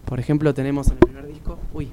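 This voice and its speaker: A man's voice: medium pitch, level tone, fast, heavy background noise. A man, a musician guest talking casually and thoughtfully in a radio interview, with many restarts.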